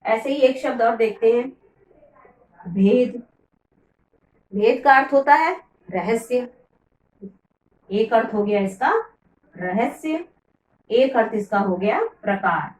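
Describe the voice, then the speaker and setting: A woman's voice: a little high, expressive. Teacher woman, echoey and distant. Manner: slow, repeats key words for pupils. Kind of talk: classroom lesson. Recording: echoey room, voice from far off.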